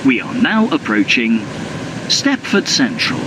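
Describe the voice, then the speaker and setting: A man's automated onboard train announcement, slow and measured. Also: medium pitch, huge pitch swings, background noise.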